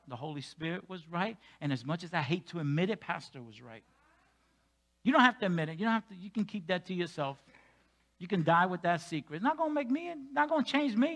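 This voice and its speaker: High, bright-voiced preaching man. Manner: animated, swings from loud emphatic to quiet, joking asides. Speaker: senior pastor. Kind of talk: sermon. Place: church.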